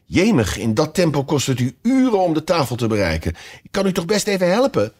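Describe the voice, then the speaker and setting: A man's voice: fairly high pitch, wildly swooping pitch, fairly quick, a little mellow, voice pushed up. A man voicing a curious, polite young girl in a storybook reading. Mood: eager.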